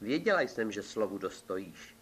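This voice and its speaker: A man's voice: lowish voice, very animated, slight background noise. A man doing a silvery-voiced forest fairy. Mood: gentle coaxing. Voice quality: soft, silvery voice. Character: beautiful young female forest fairy, gentle and sad.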